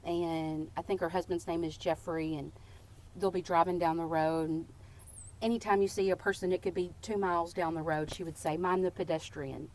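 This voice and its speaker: A woman from Texas, a podcast guest telling casual, playful stories in a lively way. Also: fairly low pitch, normal speed, slight background noise. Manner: lively, playful and warm-humored. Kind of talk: casual storytelling.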